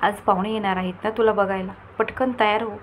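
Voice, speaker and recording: A middle-aged mother, bossy but loving, hurrying and soothing her daughter in turn, played by a woman narrator. Her voice sits at an ordinary pitch, with faint noise around it. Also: level tone, fairly quick, natural voice. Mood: coaxing. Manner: scolding then coaxing.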